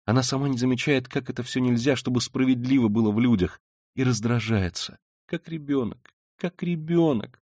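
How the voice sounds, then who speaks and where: A man reading an audiobook, voicing a timid, pious young woman who talks in a hurried, pleading way. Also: medium pitch, a little mellow, dry recording, studio quality, voice pushed up, close to an everyday voice. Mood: anguished. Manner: hurried, breathless, rising into agitated pleading.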